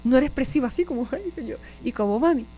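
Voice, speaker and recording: Warm-voiced Puerto Rican nun. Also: female voice, fairly high pitch, very fast, a little hiss or hum. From Puerto Rico. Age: 50s. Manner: animated storyteller, often addresses listeners directly. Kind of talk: personal testimony in an interview.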